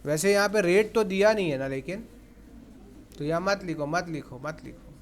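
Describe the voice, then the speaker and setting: A man's voice: sits high, moderate pace. A man teaching an accounts class in Hindi, often questioning and coaxing his students, with terms. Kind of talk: classroom lecture.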